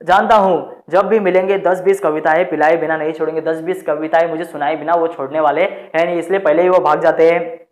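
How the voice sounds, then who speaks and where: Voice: medium pitch, little pitch movement, brisk. A teacher reading a textbook story aloud, repeating each sentence and explaining it in simpler words while talking to the listeners as friends. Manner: rereads each sentence, then restates it in plainer words; addresses listeners as friends, with frequent "let's move on" prompts.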